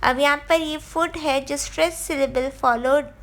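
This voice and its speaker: Slow, high-voiced tutor woman. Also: steady tone. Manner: reads questions and options slowly, then gives the answer; mixes Hindi and English. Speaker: exam-prep tutor. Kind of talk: lesson explaining exam answers.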